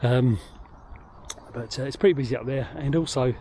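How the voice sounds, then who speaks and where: A man talks outdoors by a lake, a little out of breath and halting, with plenty of ums and uhs between thoughts. His voice is warm and mellow, and a faint outdoor hiss runs under it. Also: mid-range voice. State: slightly out of breath. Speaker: angler vlogger. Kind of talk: casual outdoor vlog commentary.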